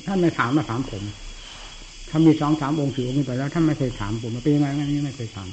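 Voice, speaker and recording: An older man, a Buddhist monk, giving a blunt, forceful dhamma talk in answer to a disciple. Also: a little high, fast, slight background noise, rough recording.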